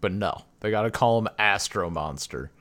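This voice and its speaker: A man's voice: fairly low pitch, animated, normal speed, pushed and bright. A man co-hosting a casual chat about films, laid-back and grumbling, sometimes dropping to a mutter. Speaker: podcast co-host.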